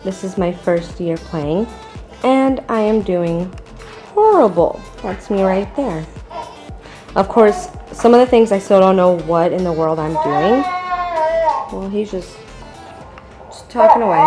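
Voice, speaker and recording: A woman's voice: mid-range voice, lively intonation, unhurried, pauses often, music in the background. A young woman chatting casually while filming a home vlog about her day with her baby and dogs, sometimes whispering so her sleeping baby stays asleep. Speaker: vlogger and mother.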